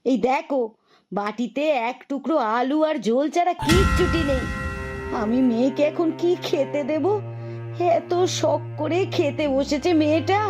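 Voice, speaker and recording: A woman voicing a caring village mother in a cartoon, soft and fussing. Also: high voice, a little slow, music in the background. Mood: upset. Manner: soft, fussing tenderness that flares into scolding. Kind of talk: cartoon voice acting.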